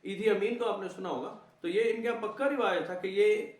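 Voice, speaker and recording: A man with a fairly high voice gives an informal lesson on scripture. He talks animatedly and mixes in English words. The recording is roomy and distant, as if the mic sits far from him. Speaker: Quran lecturer. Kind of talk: conversational Quran lesson.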